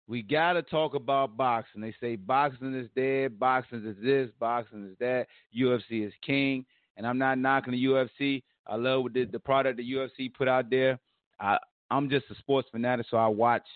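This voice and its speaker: An American man with a hoarse voice hosts a sports podcast, talking casually in a blunt, animated, slangy way with some swearing. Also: medium pitch, normal speed, dry recording, narrow, tinny audio. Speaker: podcast host.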